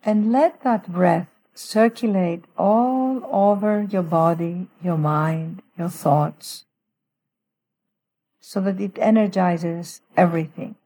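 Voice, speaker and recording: A woman guiding a breathing meditation in a soothing sleep-story manner, giving gentle, unhurried instructions with long pauses. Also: fairly low pitch. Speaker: guest author leading a guided breathing meditation.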